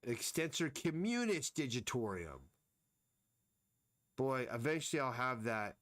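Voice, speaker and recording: A man's voice: fairly low pitch, fairly bright tone, no room sound. A man casually thinking aloud as he sketches and explains anatomy during a live drawing stream. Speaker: artist streaming his drawing.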